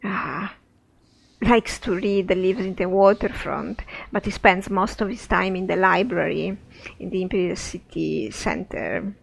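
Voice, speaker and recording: Slow, creaky-voiced woman doing game commentary. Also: lowish voice, no room sound. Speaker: let's play narrator. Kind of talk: casual game commentary, speaking as her character.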